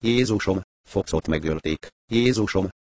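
A man's voice: low voice, darkish tone, no echo. A man voicing a terrified, ragged old male vagrant who babbles and sobs in panic. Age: older.

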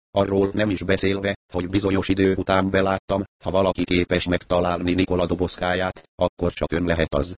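A man reading the part of a very old, weary and menacing lama with a raspy voice, in an audiobook. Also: low-pitched, no echo, lightly acted.

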